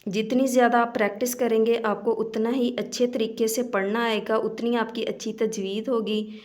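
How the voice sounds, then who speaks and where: A woman teacher giving a tajweed lesson, slowly reciting verses and then explaining pronunciation quickly. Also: on the high side, flat delivery, a little mellow. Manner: slow drawn-out recitation between quick explanations.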